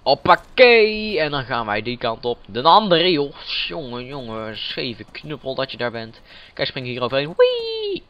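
A let's play gamer offers playful, chatty commentary while playing a video game, joking around with the characters in casual gameplay talk. His mid-range voice is animated and moves at a normal speed, and the sound is lo-fi.

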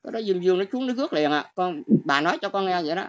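A woman's voice: on the low side, animated, racing. An older woman with a Southern Vietnamese accent, ranting and lecturing her viewers on a livestream in a scolding, exclamatory way. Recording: dull lo-fi stream audio.

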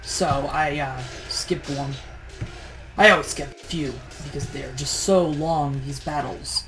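A woman with a lowish, tired morning voice, chatting through her gameplay as she goes. She grumbles and gets exasperated, talking into a push-to-talk mic, with soft game music faintly behind her. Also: steady tone, slow pace, rough recording. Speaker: let's play host. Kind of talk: gameplay commentary.

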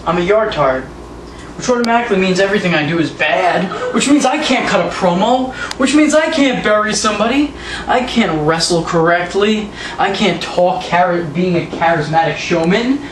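A high-voiced eighteen-year-old man cutting a backyard wrestling promo, all sarcasm and taunts. He sounds set back from the mic in an echoey room, with steady noise underneath. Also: moderate pace. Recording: roomy, distant, noisy home recording.

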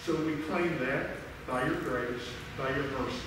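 Older pastor in cavernous cathedral-like echo. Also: male voice, medium pitch. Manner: solemn, measured, declaiming to a congregation. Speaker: pastor leading a Christmas Eve communion service. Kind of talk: liturgy and prayer led aloud. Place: large church sanctuary, indoors. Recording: echoing cathedral-like church reverb, distant microphone, faint noise.

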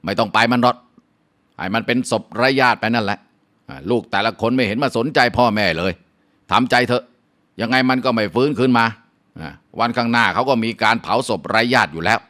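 A man's voice: mid-range voice, brisk, a bit bright, voice pushed up, natural voice. A man voicing a blunt middle-aged village neighbor in a folk tale, giving harsh but consoling advice.

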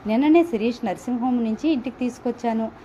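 A woman voicing a gentle, apologetic married man who talks in a soft, coaxing, pleading way, in a story reading. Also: on the high side, fast, a little hiss or hum, close to an everyday voice.

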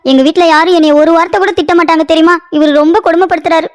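A woman voicing a young, sharp-tongued, scheming daughter-in-law in a cartoon story, scolding and complaining. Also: very high-pitched, little pitch movement, racing, no room sound, studio quality.

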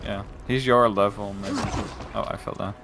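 A young man with a gravelly edge comments casually on the game he is playing with a partner. Loud game music sits behind his voice. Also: lowish voice, fairly even intonation, moderate pace. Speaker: let's play co-player. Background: video game music.

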